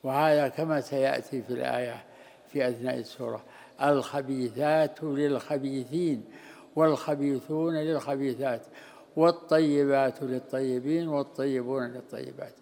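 Gravelly man teaching religious text. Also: mid-range voice, fairly even intonation, moderate pace, a little mellow. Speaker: Islamic scholar teaching tafsir. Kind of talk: religious lesson explaining verses.

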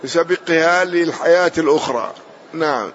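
Man explaining a text slowly. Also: fairly high pitch, a bit bright. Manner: measured explanation, repeats and rephrases, closes points with a short affirmation. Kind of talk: classical text lesson, explaining line by line. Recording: muffled lo-fi audio with faint hiss.

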